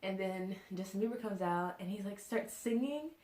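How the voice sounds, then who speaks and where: A woman's voice: mid-range voice, normal speed, darkish tone. Young woman vlogger, casual storytime, filler-heavy and laughing, room echo on the voice. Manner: chatty, many fillers, laughs often. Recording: roomy echo.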